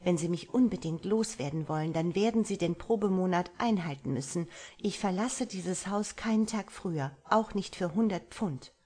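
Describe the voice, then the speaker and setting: A proud young woman in a romance audiobook who holds her ground firmly and defiantly. A woman reads her in a low, slightly husky voice. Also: moderate pace, mellow. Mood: trotzig. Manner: firm and defiant. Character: stubborn, proud young woman, a governess type.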